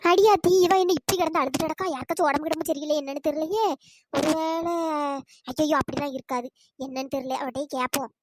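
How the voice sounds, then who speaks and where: A nosy friend, very high and quick. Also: a little hiss or hum. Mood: coaxing. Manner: questioning, cajoling, quick. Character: nosy village woman friend, coaxing and defensive. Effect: pitch-shifted voice. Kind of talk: cartoon storytelling voice acting.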